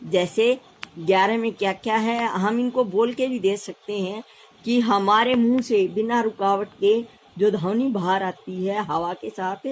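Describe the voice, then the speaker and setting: A woman's voice: mid-range voice, a little slow, rough recording. A woman primary school teacher with a Haryanvi Hindi accent, explaining a lesson patiently and repeating key terms. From India.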